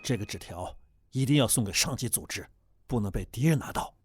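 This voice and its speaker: A middle-aged man playing the father in a family comedy sketch, speaking in a hushed, conspiratorial way. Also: lively intonation, fairly quick, loud music behind the voice. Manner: hushed, conspiratorial, low-key. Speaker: father and reading teacher.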